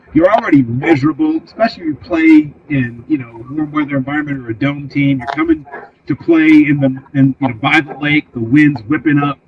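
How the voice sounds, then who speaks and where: Muffled-sounding man in sports chat. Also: fairly high pitch. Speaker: podcast panelist. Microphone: remote call mic. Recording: muffled lo-fi remote mic.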